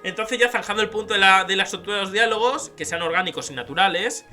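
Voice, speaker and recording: A YouTube creator offers casual, chatty advice on writing dialogue, often checking in with "¿vale?". He talks fast in a high, sharp voice over soft background music.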